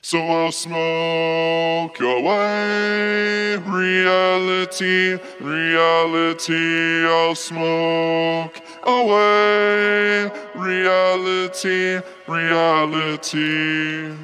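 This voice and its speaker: Man singing, formant-shifted vocal, artificial edited timbre, very slow drawn-out phrases. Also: on the high side, flat delivery, sharp tone. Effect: formant-shifted vocal playback. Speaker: singer. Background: backing music of the song.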